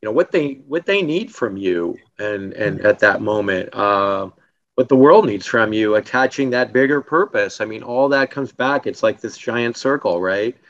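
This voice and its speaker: A man's voice: fairly low pitch, lively intonation, moderate pace, fairly bright tone. A man interviewing a guest, summing up ideas in a thoughtful way and searching for words as he goes. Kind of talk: casual interview chat. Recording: dull muffled lo-fi audio.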